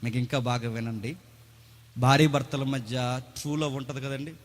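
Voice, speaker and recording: A man's voice: medium pitch, fairly even intonation, normal speed, big-room sound. A man preaching a sermon with dramatic delivery, posing rhetorical questions and acting out the voices of people he quotes. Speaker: pastor. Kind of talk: Telugu sermon with acted dialogue.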